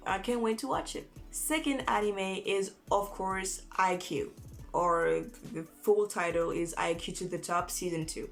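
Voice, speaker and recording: A woman chatting casually as an anime vlogger through a face mask, informal and halting, often correcting herself as she goes. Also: lowish voice. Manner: informal, halting, self-correcting with false starts. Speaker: anime review vlogger and host. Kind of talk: casual chat to camera, listing recommendations.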